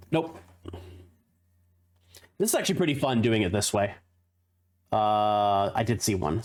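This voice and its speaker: A man streaming a card pack opening, rattling off card names between chatty asides and the odd laugh. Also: medium pitch. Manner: laughs at his own tongue-twisters. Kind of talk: casual unboxing commentary.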